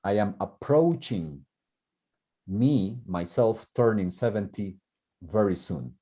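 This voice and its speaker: Low mellow-voiced male teacher. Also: lively intonation, takes it slowly. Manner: thinks aloud with many repeated words and restarts. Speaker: language teacher. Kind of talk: explaining grammar in class. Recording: muffled lo-fi recording.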